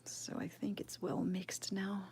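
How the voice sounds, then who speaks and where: Her voice is mid-range, flat, creaky, darkish, breathy and whispered. A woman in her thirties from Brazil with a Brazilian Portuguese accent, she gives a casual live sculpting tutorial, answering chat, thinking aloud slowly and often murmuring while she works.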